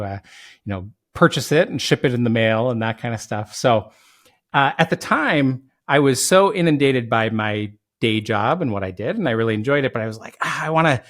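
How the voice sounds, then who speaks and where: A man with an Upper Midwest accent from the Fargo area, a podcast guest telling his story in an easygoing way with ums and uhs. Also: mid-range voice. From Fargo, North Dakota area. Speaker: podcast guest, software founder. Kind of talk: conversational interview.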